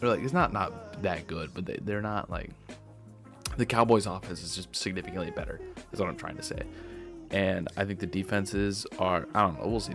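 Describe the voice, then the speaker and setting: A man casually giving his weekly sports predictions, tired and yawning, rambling and correcting himself as he goes. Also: deep voice. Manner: offhand, rambling, self-correcting, yawns while talking. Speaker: sports video host.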